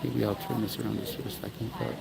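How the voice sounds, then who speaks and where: A man's voice: fairly low pitch, little pitch movement, fast talker, creaky, very noisy. A man livestreaming at an outdoor memorial, talking earnestly to viewers in a rambling way and often apologizing. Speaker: livestream host at a memorial event. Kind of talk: emotional livestream talk.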